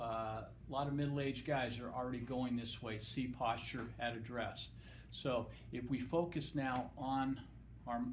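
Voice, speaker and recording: A man's voice: mid-range voice, a little hiss or hum. A middle-aged man working as a clinician gives a demonstration lesson in his clinic room and directs the camera operator as he goes. He is recorded on a camera mic a few feet away.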